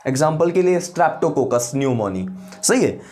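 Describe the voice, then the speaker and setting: Lively high-voiced biology teacher. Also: male voice, soft background music. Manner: asks the class questions and answers them himself; explains terms slowly and repeats them. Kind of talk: classroom lecture.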